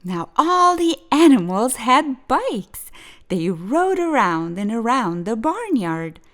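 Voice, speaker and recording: A woman hosting a children's storytime, reading a picture book aloud expressively with clearly phrased storytelling. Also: a little high, sing-song, slow, a bit bright. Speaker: children's storytime host and reader.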